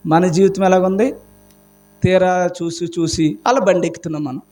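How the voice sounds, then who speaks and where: A man's voice: high voice, fairly even intonation, moderate pace, darkish tone. A male pastor preaching a sermon with passion, asking his congregation question after question. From India. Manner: impassioned preaching with rhetorical questions.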